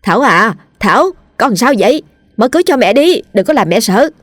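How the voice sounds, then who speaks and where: A woman's voice: on the low side, brisk, dry recording, studio quality, natural voice. A woman voicing an anxious middle-aged mother in a spoken ghost story, fretful and pleading. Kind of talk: storytelling role voice.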